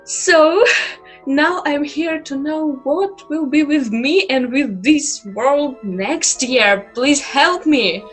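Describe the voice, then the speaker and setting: A woman's voice: sits high, faint music behind. A woman playing a dramatic, exclamatory client who visits a fortune teller. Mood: pleading. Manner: dramatic, exclamatory, slowly drawn out.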